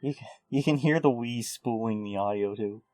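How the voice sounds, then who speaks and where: A man's voice: medium pitch, normal speed, darkish tone. A man hosting a video game playthrough with casual, offhand and wry commentary. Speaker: host playing and commenting on a game.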